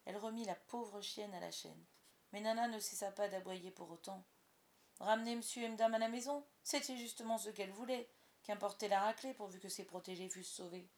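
A woman reads a storybook aloud as the narrator, with an expressive storytelling manner. Her voice sits at a middle pitch for a woman. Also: brisk. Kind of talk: audiobook narration.

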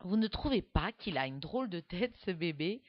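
A woman's voice: lowish voice, animated, moderate pace, no echo. A woman voicing a brave, caring young girl with an urgent, concerned tone, on a dull, dry recording.

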